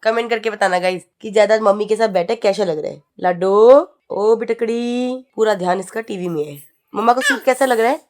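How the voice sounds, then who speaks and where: A woman's voice: mid-range voice, fast talker. A young woman vlogger chatting casually at home with her viewers and teasing a toddler between remarks. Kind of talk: casual family vlog chat. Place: bedroom at home.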